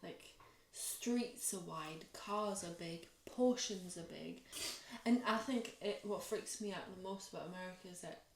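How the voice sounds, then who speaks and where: A woman's voice: lowish voice, a little slow, gravelly. A young woman chatting casually and bantering as she hosts a couple's question-and-answer vlog. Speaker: vlogger reading questions in a couple's Q&A. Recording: echoey room, distant microphone.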